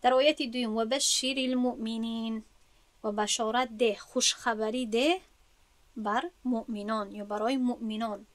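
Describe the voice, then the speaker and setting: A woman's voice: fairly high pitch, fairly even intonation, no room sound. A woman with a Tajik accent teaching an Arabic grammar lesson, patiently explaining and asking her students questions before answering them herself.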